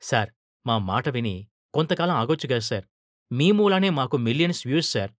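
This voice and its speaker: A man's voice: mid-range voice, animated, fairly quick, no room sound, studio quality, close to an everyday voice. A man voicing monstrous, clawed male reporters who plead and reproach in a fable-like audio story.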